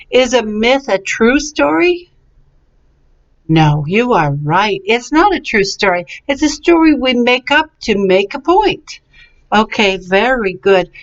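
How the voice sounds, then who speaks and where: A woman teaching English vocabulary, patiently and encouragingly sounding out words syllable by syllable. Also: mid-range voice. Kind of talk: slow, clearly enunciated vocabulary and pronunciation lesson. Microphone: webcam. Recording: slightly dull, lo-fi webcam recording.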